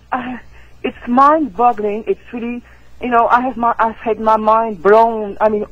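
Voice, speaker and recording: A native French speaker with a French accent calls in over a tinny phone line as a guest author on a radio interview. Her mid-range voice has a breathy edge, and she explains things earnestly and excitedly.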